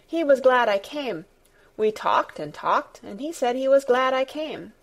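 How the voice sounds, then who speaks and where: A woman voices a frank young girl from a storybook, raising her pitch above the narration. The girl comes across as determined, curious, and earnest, speaking directly and matter-of-factly, expressive yet unhurried.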